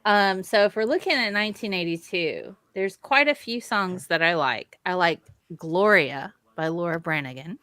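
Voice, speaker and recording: A woman co-hosting a comedy podcast, chatting along and teasing her co-host. Her voice sits on the low side for a woman. The sound is dry and close. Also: expressive, normal speed, hardly any pauses, sharp tone, no room sound. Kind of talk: casual comedy chat.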